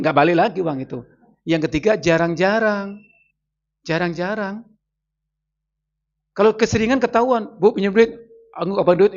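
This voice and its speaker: High-voiced male preacher, dull recording. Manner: conversational, speaks straight to the women listening; acts out little everyday scenes. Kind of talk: Islamic study lecture. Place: mosque. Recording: dull lo-fi sound.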